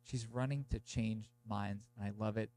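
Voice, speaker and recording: A man's voice: fairly low pitch, steady tone, moderate pace, a little mellow. A young man hosting a podcast in a casual, meandering monologue, sounding congested, with a blocked nose and sore throat from a cold. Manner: informal, meandering, peppered with "like". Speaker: podcast host. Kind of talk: casual monologue to listeners, introducing an episode.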